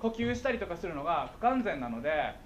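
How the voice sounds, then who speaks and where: Lively, playful Kansai-accented man. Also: a little high, fast talker, a little hiss or hum. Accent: Kansai Japanese. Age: middle-aged. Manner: playful, jokey, keeps checking understanding. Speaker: guest speaker on visual impairment. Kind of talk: talk to schoolchildren.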